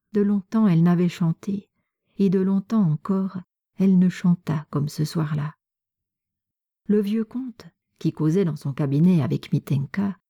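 A woman reading a classic novel aloud in a measured, often near-whispered way. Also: on the low side, dark tone. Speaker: reader. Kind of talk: audiobook narration of a classic novel.

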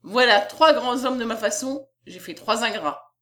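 Brief: a woman putting on a pompous, bossy male publisher, condescending and loud, storybook reading. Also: on the high side, a little slow, pitched above the performer's own voice. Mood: boastful. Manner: boastful, condescending. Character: pompous fat middle-aged male publisher, domineering.

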